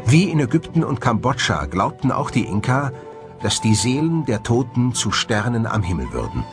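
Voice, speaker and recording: A man presents a documentary with scripted narration, his medium-pitched voice very animated at a normal speed. Music plays in the background behind him.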